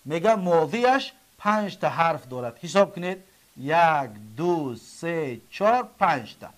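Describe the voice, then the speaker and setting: A man with a Tajik accent teaching an Arabic grammar lesson, asking and answering his own questions and repeating word forms slowly. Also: fairly high pitch, sing-song. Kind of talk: classroom lesson.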